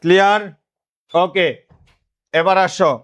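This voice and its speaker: A man from Bangladesh teaching an online class, asking the students questions and answering them himself, dictating notes slowly and repeating phrases. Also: high-pitched, level tone, fairly bright tone. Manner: repetitive call-and-response questioning.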